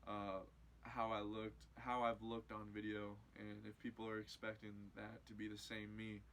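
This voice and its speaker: A man who competes in MMA, answering interview questions in a casual way, repeating himself and getting more animated when excited. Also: on the low side, moderate pace, slight background noise, low-quality recording. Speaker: MMA fighter.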